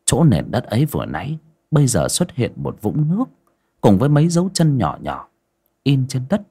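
A man narrating a ghost story in an expressive storytelling way. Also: medium pitch, normal speed, husky. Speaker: audiobook narrator.

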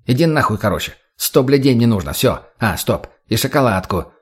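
A man's voice: mid-range voice, sing-song, a little fast, breathy edge. A man voicing a crude, short-tempered drug addict thug who barks profanity bluntly. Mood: aggressive.

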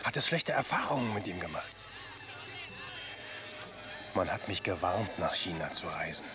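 Low-voiced traveler, asks a lot, music in back. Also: male voice, big pitch swings, normal speed. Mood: inquisitive. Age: young adult. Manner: inquisitive, probing. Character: curious young foreign traveler, bold questioner. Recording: music underneath.

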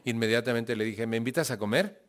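A man's voice: medium pitch, quick pace. A man with a Mexican accent giving a testimonial talk to a group, telling his story with acted-out dialogue and questions to the audience. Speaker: speaker sharing his recovery story.

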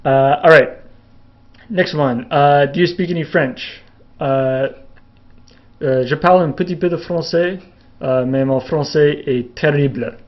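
A young Canadian man hosts a casual live Q&A video, answering viewer questions in a rambling way full of fillers and restarts, with a little laughter. His fairly high voice is unhurried, and the recording has its highs cut off.

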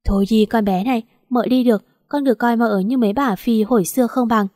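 A woman voicing a gentle, teasing young pregnant wife, her tone soft and playful. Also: fairly high pitch, fairly quick, no echo, clean studio sound, natural voice. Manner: soft, playful, then weak and breathless.

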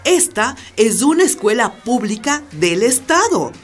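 In a radio drama, an actress plays an assertive, sharp-witted school principal who is firm, sardonic and articulate. Her female voice is a little high and very animated, delivered a little slowly.

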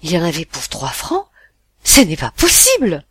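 A reader voicing a harsh, quick-tempered middle-aged mother who gives orders in a sharp, loud, urgent way, with a husky tone. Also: mid-range voice, animated, no room sound, lightly acted. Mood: scandalized.

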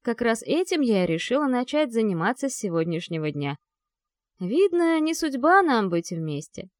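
A woman reading a fantasy novel aloud as an audiobook narrator, voicing the characters' lines with shifts in pitch. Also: very animated, normal speed, no echo, clean studio sound.

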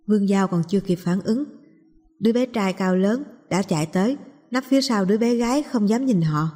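A woman narrating a story in a steady, measured manner as an audiobook narrator. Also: medium pitch. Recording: long reverb.

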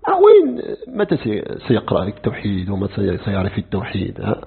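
A middle-aged man teaching a lecture on religious creed, animated, asking rhetorical questions and answering them himself. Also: fairly low pitch, fast, gravelly, husky. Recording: tinny phone-like lo-fi recording.

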